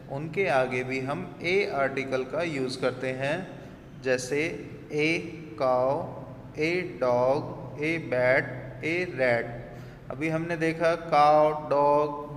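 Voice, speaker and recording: A male teacher explaining grammar slowly, asking rhetorical questions as he goes. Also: medium pitch. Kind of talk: classroom grammar lesson. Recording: echoey room, faint ambient noise.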